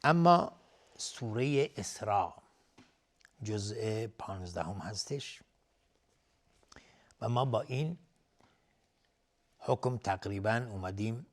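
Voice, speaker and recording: A man teaching Quranic recitation rules on a TV lesson. He chants verses slowly and drawn out, then explains each rule in quick, plain talk. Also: on the low side, expressive. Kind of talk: tajweed lesson with slow recitation. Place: TV studio.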